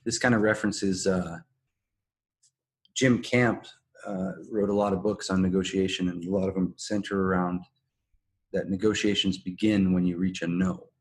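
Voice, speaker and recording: A man co-hosting a podcast, explaining and analysing in a measured, casual conversational way. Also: low voice, steady tone. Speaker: podcast co-host. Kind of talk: casual analytical discussion of a TV drama.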